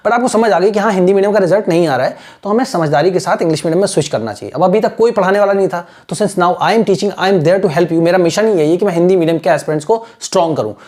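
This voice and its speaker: A male teacher leads a screen-share lesson with a mellow, warm voice. He is patient and repetitive and often stops to check that the listener is following. He slips English phrases into his explanations and breaks hard words into slow syllables. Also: high voice. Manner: drills pronunciation syllable by syllable.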